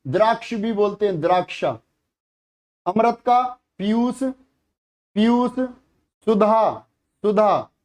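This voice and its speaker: Guy teaching a class, high voice, says every word twice and keeps quizzing the kids. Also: darkish tone. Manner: repeats each word, quizzes the students. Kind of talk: classroom lesson.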